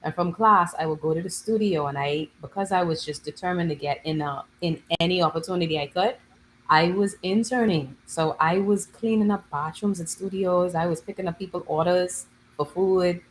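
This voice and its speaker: A Bahamian woman in her thirties, a guest musician, chatting in an interview and telling her stories in lively local slang. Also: on the low side, moderate pace, slight background noise, poor audio. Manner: animated storytelling, lively dialect slang. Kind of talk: casual interview chat.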